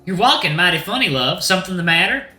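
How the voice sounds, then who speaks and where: Pitched above his own voice in a full character performance, a man plays a sassy, flamboyant rooster drag queen who runs a bar, speaking with a fake Southern drawl. He is folksy, effusive, and generous with terms of endearment, and his sassy, welcoming delivery is animated, fast, and sharp in tone. Faint music plays behind him in an echoey room.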